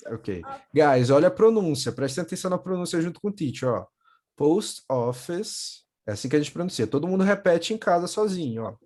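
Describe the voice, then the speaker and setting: Young Brazilian man, patient English teacher on a video call, mellow and unhurried. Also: on the high side, very animated. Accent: Brazilian Portuguese. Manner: patient, repeats words slowly for pronunciation. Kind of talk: online class for children.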